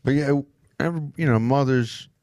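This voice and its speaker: A man's voice: medium pitch, normal speed, a little mellow. A man co-hosting a podcast, chatting casually and hesitantly with lots of fillers. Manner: loose, hesitant, full of fillers. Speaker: podcast co-host. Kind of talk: casual chat.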